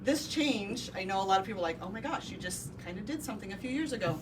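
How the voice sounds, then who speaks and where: At a ribbon-cutting in an indoor office event space, a real estate brokerage owner with a Midwestern American accent shares a personal story with the gathered crowd. Her middle-pitched voice has lively intonation and frequent ums, and it reaches us from a distance across the noisy room.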